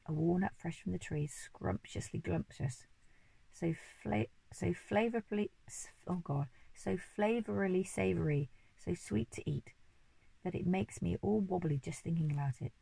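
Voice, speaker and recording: A woman doing a gushing, excitable monkey. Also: on the low side, moderate pace, vocal fry, slightly rough, dry recording, exaggerated voice, low-quality recording. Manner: gushing, tongue-twisting. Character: excitable boastful male monkey.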